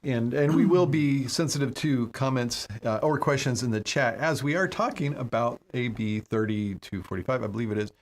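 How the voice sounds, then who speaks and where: A man's voice: mid-range voice, moderate pace, few pauses. A man hosting a live medical talk show, chatting casually and often repeating words as he goes. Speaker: host.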